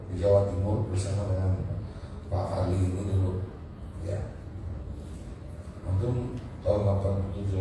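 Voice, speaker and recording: A man's voice: lowish voice, recorded from a distance, background noise. Man telling stories in an echoey mosque hall. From Indonesia. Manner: chatty, jokes with the audience, drops into local dialects. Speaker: guest speaker at a mosque gathering. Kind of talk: casual storytelling talk.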